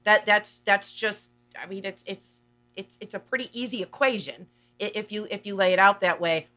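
A woman's voice: medium pitch, steady tone, normal speed, sharp tone. A woman patient advocate speaking as a guest in an interview, earnest and passionate, often restarting phrases. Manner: earnest, passionate, repeats words when thinking. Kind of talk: conversational interview.

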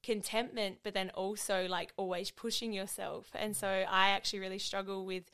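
A woman's voice: medium pitch, flat delivery, moderate pace, fairly bright tone, clear, resonant tone. A young adult woman chatting as a podcast guest in an informal, earnest way. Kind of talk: casual chat.

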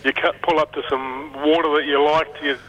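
A man with an Australian accent phoning a radio show, telling a colloquial, halting anecdote in short bursts. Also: on the high side, little pitch movement, highs cut off. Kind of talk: casual anecdote.

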